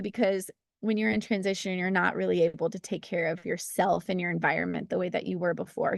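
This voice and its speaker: A woman's voice: medium pitch, vocal fry, no echo, clean studio sound. Encouraging woman teaching a birth workshop. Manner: earnest, encouraging, lots of fillers. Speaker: birth educator.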